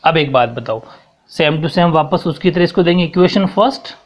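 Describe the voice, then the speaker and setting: A man's voice: a little high, expressive, moderate pace. A young man teaching a school math lesson at the board, explaining each step and often checking whether the students follow. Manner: explains step by step, mixing in English terms, keeps checking understanding. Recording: dull lo-fi recording.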